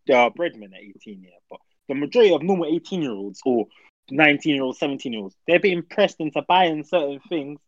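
A man's voice: fairly high pitch, no room sound, muffled recording. Young london roadman guy, slangy and emphatic. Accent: London roadman, multicultural urban London slang. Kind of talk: casual chat, debating opinions.

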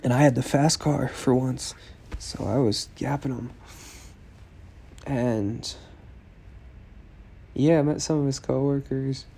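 A young man drifts through a casual video diary in a slow, rambling drawl, sounding stoned. His low voice has a gravelly fry and a dark, mellow tone. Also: fairly even intonation. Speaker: vlogger.

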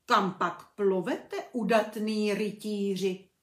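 A woman reading aloud voices a flirtatious female water ghost, speaking slowly and coquettishly. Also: medium pitch, fairly even intonation, natural voice. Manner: slow, coquettish, drawn-out. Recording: roomy echo.

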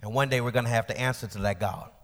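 Male pastor, dynamic sermon delivery, shouted climaxes and soft drops, reverberant sanctuary. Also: mid-range voice, rapid-fire. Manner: preaching with rising shouted peaks and quiet drops; colloquial asides. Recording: long church hall reverb.

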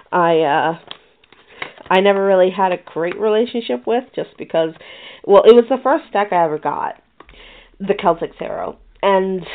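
A woman hosting a podcast, chatting casually and rambling with many restarts. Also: lowish voice. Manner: rambling, with frequent restarts and fillers. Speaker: podcast host. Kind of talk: casual chat. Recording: tinny phone-like sound.

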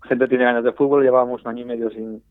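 The president of a supporters' club federation, a man from Spain, phones in to a radio interview on a tinny, dry landline. His mid-range voice is clean, rapid-fire and fairly flat in pitch, with no room sound, yet he hesitates, often repeating and restarting words.

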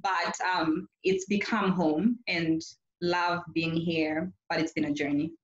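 A woman pastor, originally from Zambia, speaks in a lowish voice and takes her time in a calm, reflective interview. The sound is echoey and a little dull, like a lo-fi remote call. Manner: reflective, unhurried, personal storytelling. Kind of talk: conversational interview.

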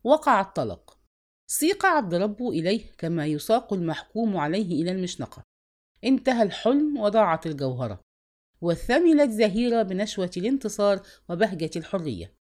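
A woman narrating a literary novel as an audiobook, with expressive, varied intonation. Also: medium pitch, a little fast.

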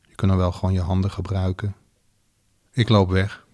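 A man narrating a second-person erotic audio story in a slow, deliberate, commanding way. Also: low-pitched, level tone, a little mellow.

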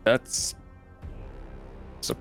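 A man playing his character in a tabletop game, speaking hesitantly with many pauses. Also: a bit bright, soft background music. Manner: hesitant, halting speech. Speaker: player.

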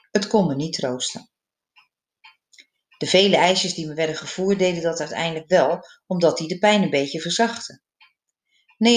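A speaker in their sixties reading a personal childhood memory aloud, with wry, gently humorous storytelling. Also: mid-range voice, roomy sound. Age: 60s. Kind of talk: read personal memoir narration.

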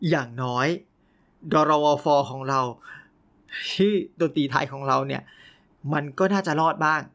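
A young man hosting a casual storytelling podcast, animated and often laughing. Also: a little high. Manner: animated, laughing, playful exclamations. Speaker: podcast host.

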